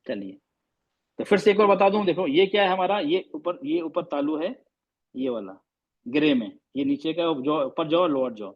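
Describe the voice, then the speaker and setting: A man's voice: on the high side, normal speed, dull audio. A man teaching a class on pronouncing Arabic letters, patiently repeating and quizzing his students.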